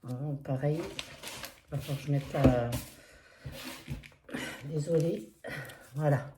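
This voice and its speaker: A woman's voice: low-pitched, slow, background noise. A woman with an accent in French, casually showing her cross-stitch projects in a hesitant, chatty, apologetic way with many fillers. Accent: non-standard accent in French. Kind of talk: casual flosstube progress update.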